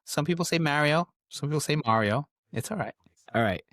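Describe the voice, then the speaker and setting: A man's voice: a little high, expressive, fast, gravelly, no echo, clean studio sound. A middle-aged man with a Bronx accent hosts a casual interview, prompting with easygoing questions and short replies. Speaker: host interviewing his son.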